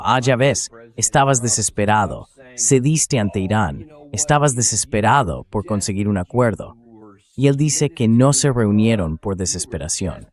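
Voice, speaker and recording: Heard via a synthetic-voice dubbed translation, this political commentary host has a lowish, darkish male voice and keeps throwing out rhetorical questions in disbelief.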